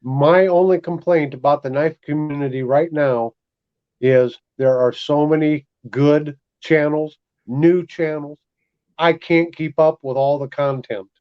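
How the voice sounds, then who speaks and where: A man's voice: a little high, steady tone, measured pace, smooth. A man hosting a casual chat, talking in an easygoing, conversational way. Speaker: host. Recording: slightly dull audio.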